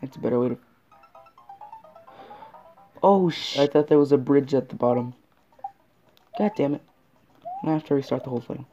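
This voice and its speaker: A woman's voice: very deep voice, normal speed, long pauses, warm tone. A woman gaming YouTuber giving let's-play commentary, easily exasperated and groaning at the game. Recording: dull lo-fi recording with game music. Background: video game music.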